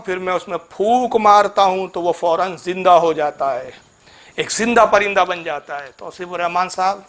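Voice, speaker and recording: A man's voice: high voice, a bit bright. A man giving a polemical religious lecture, reproachfully addressing his opponent and chanting Arabic verses. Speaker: Islamic cleric.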